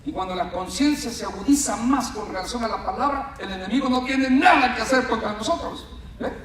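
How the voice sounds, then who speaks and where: A man preaching a sermon in a church, telling stories in a lively way and often calling his listeners brother. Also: extremely high pitch, brisk, distant mic. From Latin America. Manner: storytelling, animated, addresses listeners as brother. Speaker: pastor. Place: church hall. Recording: echoey hall mic, speaker off-mic at times.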